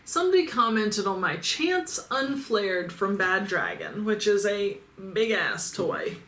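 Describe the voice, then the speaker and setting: Reading viewer comments in her casual vlog, the Midwestern YouTuber who reviews adult toys stays blunt and sarcastic, cursing freely. This time her mid-range, fairly bright voice is sing-song and unhurried, set in a roomy echo with faint ambience.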